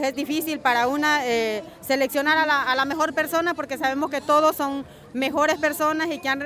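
Woman activist from El Salvador, high voice, measured answers, outdoor interview. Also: fairly bright tone. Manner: measured, with tag questions and fillers. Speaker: environmental activist. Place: outdoors in a town before a march.

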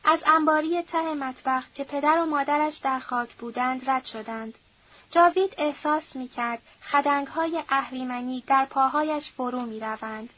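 A woman reading a novel aloud as an audiobook narrator, at a steady, measured pace. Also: sits high, dull audio. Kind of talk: scripted narration.

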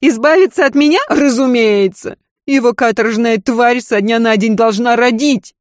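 Brief: high shrill hysterical noblewoman, bitter and volatile, put on by a woman reader, dry close audiobook read. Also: moderate pace, dry recording, natural voice. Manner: shrill, screaming, sobbing outbursts.

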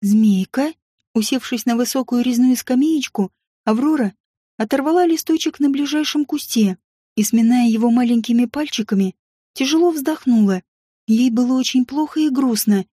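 A woman reads a story aloud in a calm, even narrating manner. Her voice sits high, with a husky, mellow grain. The recording is close-miked and dry. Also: normal speed, no room sound.

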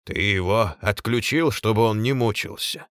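A man's voice: lowish voice, normal speed, fairly bright tone, smooth, dry recording, clean studio sound, close to an everyday voice. A man reading an audiobook and voicing a feverish, self-pitying, tyrannical fat lord who raves between grief and fury. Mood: weary pleading. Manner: raving, swinging from pleading to screaming.

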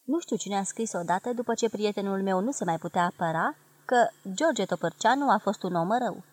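A woman from Romania giving a measured, expressive literary reading of a memoir. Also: medium pitch, no echo. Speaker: reader of a memoir.

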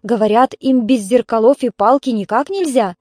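A woman's voice: fairly high pitch, normal speed, mellow, dry recording, lightly acted. A woman doing a kindly gossipy neighbor aunt. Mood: sympathetic. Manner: good-natured, gossipy.

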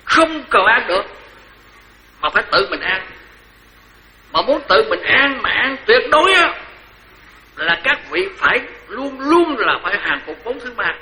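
An older man with a Southern Vietnamese accent, a senior Buddhist monk giving a lively, joking dharma talk that repeats phrases for emphasis. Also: very high-pitched, a little slow, pauses often, slight background noise, rough recording.

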